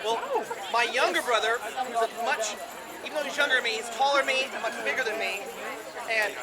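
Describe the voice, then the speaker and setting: A man with a strikingly high voice works an outdoor festival crowd as a comic host. He jokes and banters loudly. Heavy crowd noise surrounds him. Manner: energetic, joking, loud banter. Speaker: comedy performer and pub crawl host. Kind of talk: comic storytelling and crowd hosting.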